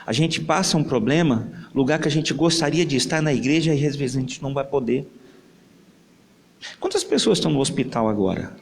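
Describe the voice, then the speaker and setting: A man's voice: medium pitch, expressive, a little fast, vocal fry. A man preaching a sermon as pastor, telling a story with dramatic acted-out family dialogue. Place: church hall. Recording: church hall with long reverb, faint noise.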